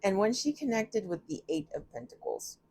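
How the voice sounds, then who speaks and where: This tarot reader has a husky, darkish, medium-pitched voice that is very animated at a normal pace. She gives a relaxed, talkative reading at home, musing aloud and frequently chuckling at her own remarks.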